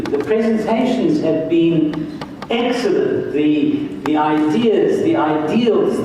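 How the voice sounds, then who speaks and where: An older man from South Africa addressing a congress as a church health director, speaking slowly and earnestly. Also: a little high, warm tone, slight background noise. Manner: slow, earnest, emphatic. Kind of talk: conference address and prayer. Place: large hall, on stage. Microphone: far camera, room mic. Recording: very echoey hall from far off.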